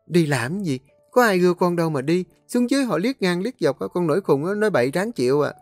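A cocky teenage girl who talks back in a high, bouncing voice, as a male narrator puts her on. The holds, and the recording is dry with faint music. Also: animated, normal speed, darkish tone, no echo. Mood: defiant. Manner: sassy, defiant.

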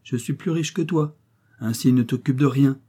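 Sly old miller, acted by a man, lively, mocking, raised pitch, husky tone. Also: normal speed, close to an everyday voice. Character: sly cheerful seventy-year-old miller.

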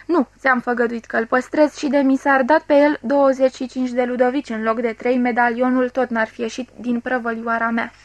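Chatty older money changer, good-humored, higher voice, dry sound, read by a woman. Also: flat delivery, few pauses, dry recording, lightly acted. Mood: genial.

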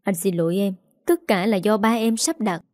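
A woman's voice: medium pitch, normal speed, a little mellow, no room sound, studio quality, natural voice. A woman reading the lines of a remorseful, apologetic young man in an audio story. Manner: apologetic, choked.

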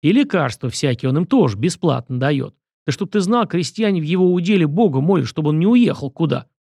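A man's voice: a little high, big pitch swings, fairly quick, dark tone, no room sound, pitched above the performer's own voice. A man voicing a proud, stubborn commoner who argues in a folksy, vehement way.

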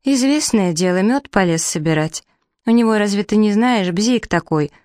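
A woman's voice: mid-range voice, animated, moderate pace, darkish tone, no echo, clean studio sound, pitched above the performer's own voice, lightly acted. A woman voicing a bossy little girl who explains things in a matter-of-fact, knowing way.

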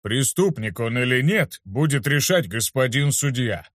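A man's voice: medium pitch, animated, a little slow, fairly bright tone, dry recording, studio quality. A man voicing a greedy, grumbling town guard captain who angles for a bribe. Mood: gruff. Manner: gruff, grumbling.

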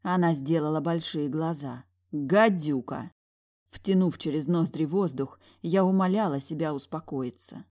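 A woman narrating a first-person fantasy romance audiobook with an even, expressive reading. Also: low-pitched, normal speed, few pauses.

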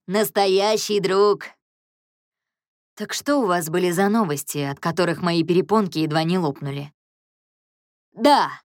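A woman narrating an audiobook, giving the characters their own voices with higher pitch and more volume. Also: a little fast, few pauses, no room sound, studio quality.

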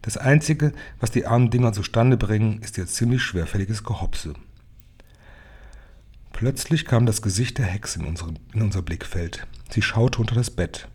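A man reading a children's storybook aloud with steady, plain narration. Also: fairly low pitch, normal speed, slightly rough. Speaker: reader.

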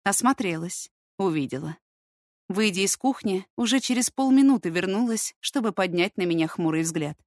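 A woman's voice: medium pitch, animated, normal speed, dry recording. Woman reading a story aloud, dry and close. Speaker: audiobook reader. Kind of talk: first-person story narration.

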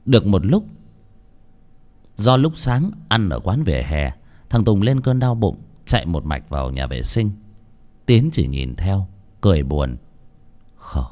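A man narrating a serialized novel in an expressive, dramatic storytelling manner. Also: low-pitched, unhurried, pauses often. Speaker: audiobook narrator. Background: faint background music.

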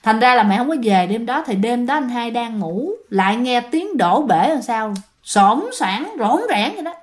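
A woman's voice: fairly high pitch, lively intonation, normal speed. A woman telling a ghost story in a casual, chatty way, talking straight to her listeners. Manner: chatty, addresses listeners directly.

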